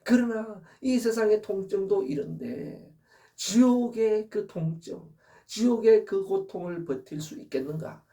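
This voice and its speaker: A man's voice: high-pitched, a little slow, warm tone, far from the mic. A man preaching an Easter sermon as pastor, earnest and full of rhetorical questions.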